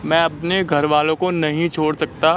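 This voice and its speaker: A man's voice: on the high side, level tone, normal speed, a bit bright, a little hiss or hum. A young man outdoors on a city street, telling his story in an upset, emotional way and often raising his voice. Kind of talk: staged street confrontation.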